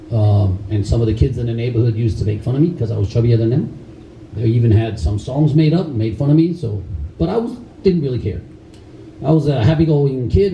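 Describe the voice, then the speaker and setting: A man raised in Denmark, working as a karate instructor, gives a loose, rambling talk to a seated camp group, with plenty of fillers and restarts. His voice is medium-pitched and mellow. The audio has the highs cut off, slight background noise, and a roomy hall sound from a distance.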